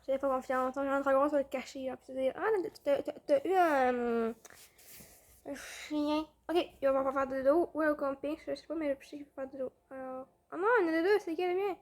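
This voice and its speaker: Casting: young woman, high voice, chatty gameplay host. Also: fairly even intonation, fairly quick, darkish tone. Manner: chatty, with fillers and restarts. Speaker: gaming video host. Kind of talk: casual gameplay commentary.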